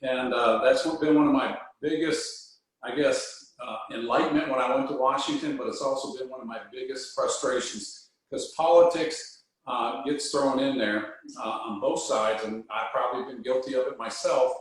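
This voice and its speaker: A man, a congressman, giving a measured, earnest civic speech with frequent fillers. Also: medium pitch, steady tone, very echoey, far from the mic, low-quality recording. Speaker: congressman speaking on a panel.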